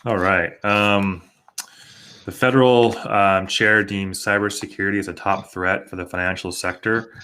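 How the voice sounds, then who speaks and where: American male podcast host, very low voice, little pitch movement, loose rambling chat. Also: steady tone, normal speed, pushed and bright, a little hiss or hum. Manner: rambling, peppered with conversational tags. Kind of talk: casual panel discussion.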